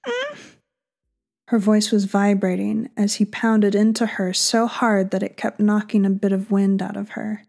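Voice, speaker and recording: A woman author reading her erotic story aloud slowly and sultrily, sometimes dropping into a breathy whisper. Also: medium pitch, dark tone. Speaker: author and co-host.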